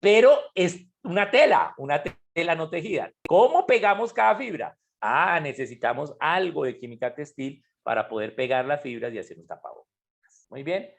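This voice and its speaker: A man whose voice is a little high and creaky teaches chemistry over a video call on his computer mic, at a moderate pace with lively intonation. He takes students through the material step by step, often pausing to ask if they're with him.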